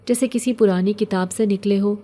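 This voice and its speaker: A woman voicing a lonely, poor young orphan girl who speaks softly and plaintively. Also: medium pitch, steady tone, lightly acted. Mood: wistful. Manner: soft, wistful, plaintive.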